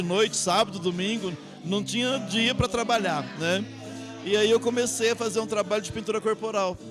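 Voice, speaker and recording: A middle-aged Brazilian man, an artist guest, telling his life story in a rambling way, often ending phrases with tag questions. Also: high voice. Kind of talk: interview storytelling. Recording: music playing behind.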